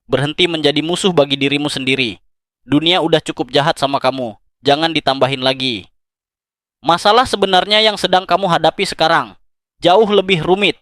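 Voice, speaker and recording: A man giving scripted motivational narration, speaking dramatically and intimately straight to the listener, with slow emphatic pauses on key words. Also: a little high, a bit bright, no echo, studio quality. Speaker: self-help narrator.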